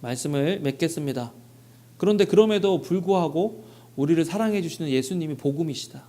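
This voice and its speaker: Korean pastor with a raised voice. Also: male voice, on the high side, lively intonation, brisk, dark tone. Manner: rhetorical questions, acts out dialogue. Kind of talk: Sunday sermon. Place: church sanctuary.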